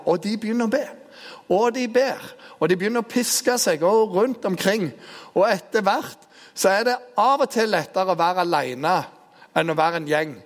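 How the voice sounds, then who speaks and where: Man preaching in a reverberant hall. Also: fairly high pitch. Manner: storytelling, grows animated and loud in the retelling. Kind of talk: sermon.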